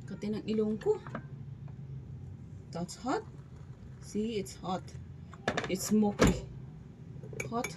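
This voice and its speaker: A woman's voice: medium pitch, expressive, slow, long pauses, noisy background. A woman with a Filipino accent, a vlogging mother chatting in sing-song baby talk to her little daughter while doing chores at home. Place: home, kitchen and backyard laundry area.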